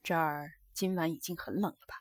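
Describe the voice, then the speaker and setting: Lady doing a mild quiet man, kinda evasive, low and soft, dry sound. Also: fairly even intonation, brisk, dry recording.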